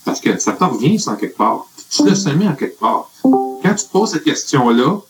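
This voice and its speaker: A man's voice: a little high, big pitch swings, fairly quick, music in the background, poor audio. A man with a Quebec French accent, earnestly giving rambling life advice in a casual group chat. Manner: earnest, rambling with many fillers.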